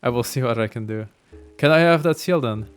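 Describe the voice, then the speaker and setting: A man's voice: mid-range voice, a little fast, clear, resonant tone, faint music behind, natural voice. A man reading the lines of a naive, eager adventurer from a video game. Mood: earnest.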